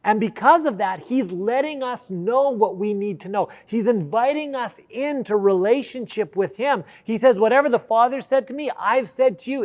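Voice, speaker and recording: A man's voice: high-pitched, a little mellow. A middle-aged man giving a youth sermon, earnest and conversational, with many likes and restarts. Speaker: youth pastor.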